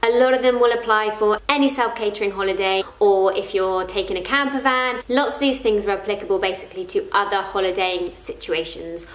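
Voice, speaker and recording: A parenting vlogger in her thirties chats to the camera in her living room, sharing practical tips in a friendly, casual way. Her voice is medium-pitched, fairly quick and nearly pause-free, picked up by a close camera in front of her with a roomy sound.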